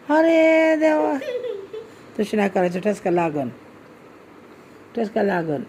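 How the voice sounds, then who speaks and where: A woman's voice: mid-range voice, vocal fry, darkish tone, slight background noise. A woman, casually chatting and teasing her daughter during a meal at home. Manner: teasing, coaxing, laughing often. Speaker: vlogger filming her daughter. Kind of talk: casual family chat.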